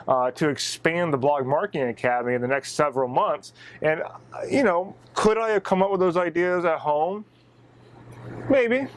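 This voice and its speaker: An American man in his thirties, talking casually and conversationally as a vlog host from inside a small RV trailer, on a lapel mic. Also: on the high side. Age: 30s. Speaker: host, blog marketing coach. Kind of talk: casual vlog talk to camera. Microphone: clip-on lapel mic.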